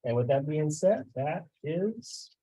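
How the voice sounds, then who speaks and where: A man delivers a school administrator's report to a board, stopping often on hesitant filler sounds. His voice sits a little high for a man. The tone is soft and mellow. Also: big pitch swings, rough recording. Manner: halting, with frequent filler sounds. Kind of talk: formal board meeting report.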